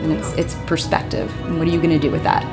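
A woman's voice: deep voice, level tone, quick pace, music in the background. A woman, the tenant of the house, telling a personal story in a rambling, earnest way with many restarts. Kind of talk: casual interview storytelling.

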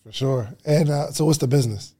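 Gravelly, higher-pitched male coach. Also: a little fast, mellow. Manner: blunt, slangy, challenging. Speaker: hot seat host, coach. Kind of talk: casual, probing interview.

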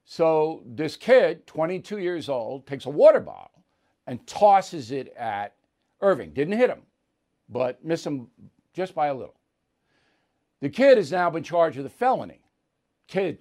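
A man's voice: on the high side, a little mellow. A man hosting an opinionated commentary monologue, emphatic and repeating words for punch. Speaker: host.

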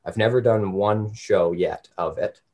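A man's voice: fairly low pitch, unhurried, darkish tone. Wry, blunt male comedian. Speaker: comedian guest. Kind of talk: casual interview chat.

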